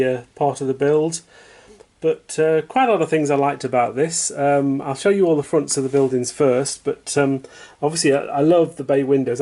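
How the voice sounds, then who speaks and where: A British man giving a casual, unhurried product review at home, chatty and self-deprecating. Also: medium pitch, mellow. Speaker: toy set reviewer. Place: home, at a tabletop.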